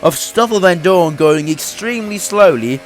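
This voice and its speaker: Expressive and high-voiced, the young YouTuber speaks at a moderate pace with faint music behind him. He says he's sick, his voice slightly off, while he talks through a career race in a racing game, often laughing and beginning sentences anew.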